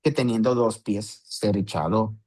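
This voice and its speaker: A man's voice: on the low side, measured pace, darkish tone. Man teaching a Bible study, conversational. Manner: conversational, with rhetorical questions and restarts.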